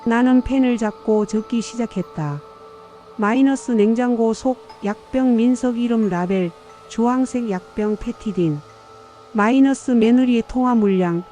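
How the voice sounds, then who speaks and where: An older woman narrating a first-person audiobook story in a measured, somber way. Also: fairly high pitch, dark tone.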